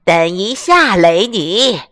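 A woman doing a hoarse bossy duck. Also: medium pitch, sing-song, slow, fairly bright tone. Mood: insistent.

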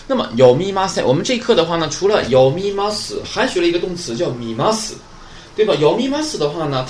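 A man's voice: fairly high pitch, slight background noise. A man who is a native Chinese speaker, teaching a Japanese grammar lesson in Chinese, often checking with his students. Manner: explains in Chinese, quoting Japanese words and sentences; keeps checking with "对吧" and "哎".

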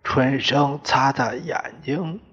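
A man reading a novel aloud in the first person, with slow, weighty storytelling. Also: mid-range voice, fairly bright tone, slightly rough. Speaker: audiobook narrator. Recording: dull lo-fi recording.

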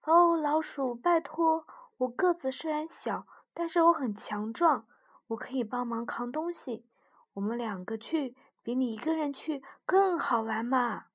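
A woman voicing a small, excitable young male frog in a storybook, eager and pleading, turning whiny when tired. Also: high-pitched, measured pace, pitched above the performer's own voice.

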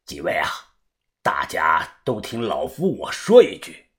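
A man doing a deep-voiced old peacemaker. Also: wildly swooping pitch, exaggerated voice. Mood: placating. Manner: slow, soothing, elderly.

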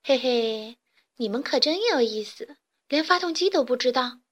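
A chirpy young alien chick, a little boy from the stars who explains things with eager pride, as a woman reading a storybook puts him on. The voice sits fairly high and bright in the story's cheerful tone. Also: expressive, normal speed. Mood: lively. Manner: chirpy, eager and a bit proud. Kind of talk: storybook character voice.

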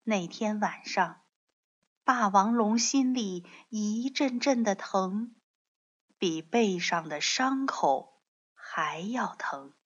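A woman reading a picture book aloud in a soft, expressive storytelling voice. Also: medium pitch, takes it slowly. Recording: dull lo-fi audio.

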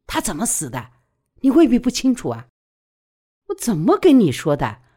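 A woman's voice: on the high side, huge pitch swings, normal speed, voice pushed up. A woman voicing a blunt woman friend who scolds and pleads. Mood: scolding.

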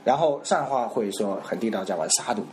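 A man's voice: lowish voice, lively intonation, brisk, a little mellow. A man with a Shanghainese accent, teaching the dialect in a playful, joking casual chat.

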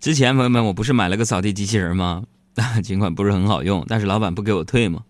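A man hosting a radio show, joking through a playful, self-mocking monologue that sometimes stammers when he gets excited. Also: lowish voice, quick pace, no echo. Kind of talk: comic monologue.

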